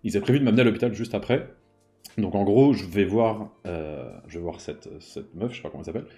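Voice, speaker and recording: A man's voice: fairly low pitch, fast talker, faint music behind. A man in his thirties telling a personal story in a casual, slangy way, often adding "you see". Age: 30s. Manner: lively, slangy, peppered with "tu vois".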